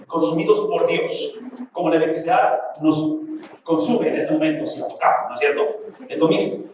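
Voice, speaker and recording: The recording is rough, with a little hiss or hum, as a man with a slightly high voice leads a Bible lesson at a normal pace. Animated and teacherly, he works through a passage and repeatedly turns to the class with rhetorical questions.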